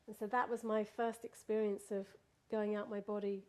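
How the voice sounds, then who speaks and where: A woman's voice: medium pitch, level tone, moderate pace, darkish tone. A woman recounting a personal experience in casual spoken storytelling, laughing often and restarting her sentences.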